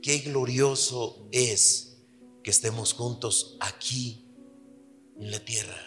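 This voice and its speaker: Male pastor, slow earnest sermon delivery, bright tone; reverberant church hall, soft music bed. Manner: earnest, drops low for emphasis, then lively storytelling.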